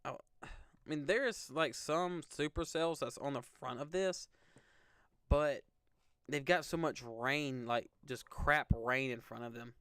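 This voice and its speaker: A man's voice: medium pitch, slow, fairly bright tone, clean tone, no echo, studio quality. A young man from Alabama, hosting live weather coverage in a casual, rambling way with lots of fillers. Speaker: weather stream host.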